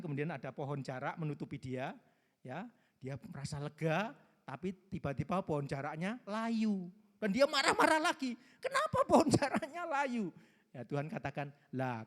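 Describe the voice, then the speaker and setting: Lively preacher in a reverberant hall. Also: male voice, high-pitched. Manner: lively storytelling, acts out quoted voices. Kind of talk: sermon. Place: church hall.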